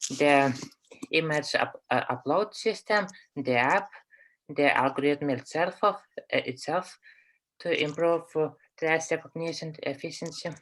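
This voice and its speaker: A man presenting his team's idea, halting and restarting words. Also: a little high, fairly bright tone, poor audio. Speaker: startup team member.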